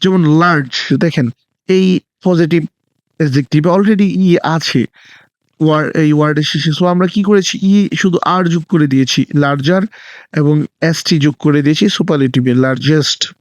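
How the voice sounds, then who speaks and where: A man's voice: on the high side, normal speed, no echo. A man teaching a grammar lesson in a slightly raised voice. He checks in with his listeners through frequent rhetorical questions and drops English terms into the explanation. The sound is close and dry.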